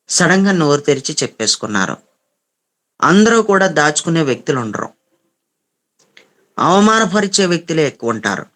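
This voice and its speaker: A man's voice: fairly high pitch, a bit bright. A man preaching a sermon with passion, asking rhetorical questions and repeating his phrases for emphasis.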